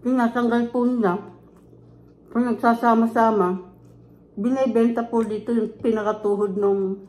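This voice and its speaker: A woman's voice: fairly high pitch, fairly even intonation, moderate pace, mellow. A woman with a Filipino accent hosting a mukbang, chatting casually and chewing as she talks. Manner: chewing while talking. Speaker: mukbang host. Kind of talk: casual chat while eating.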